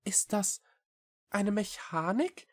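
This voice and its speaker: Little storybook cat creature, squeaky high, eager and quick, bouncy delivery. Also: male voice, lively intonation, heavily acted. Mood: amazed. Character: small curious talking cat creature, male, eager.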